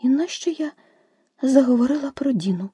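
Alice, a woman voicing a breathy earnest little girl. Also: medium pitch, big pitch swings, normal speed, no room sound, pitched above the performer's own voice. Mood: sad. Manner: soft breathy half-whisper, earnest. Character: curious polite little girl, easily upset. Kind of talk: audiobook reading.

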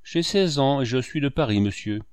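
A man's voice: medium pitch, animated, moderate pace, a little mellow, smooth, no room sound, natural voice. A man voicing a frightened sixteen-year-old peddler boy, timid and pleading. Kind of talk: audiobook character reading.

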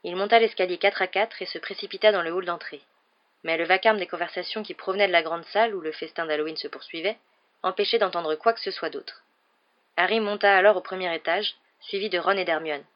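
A woman reading a novel aloud in a steady, calm narrating voice. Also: lowish voice, brisk. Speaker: storybook reader. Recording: dull lo-fi recording.

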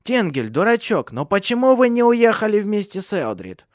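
A man's voice: high-pitched, big pitch swings, moderate pace, dry recording, clean studio sound, pitched above the performer's own voice. A man voicing an ancient bedridden witch, an old woman who talks sharply and scornfully in an audiobook. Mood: scolding. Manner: sharp, scolding, imperious. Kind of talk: audiobook character voice.

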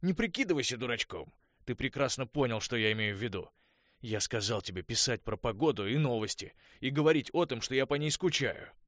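A male audiobook reader voicing a bitter, angry young man who talks sarcastically and shouts at times. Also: mid-range voice, expressive, fairly quick, dry recording, studio quality, voice pushed up, close to an everyday voice. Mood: sarcastic angry. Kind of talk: audiobook dialogue reading.

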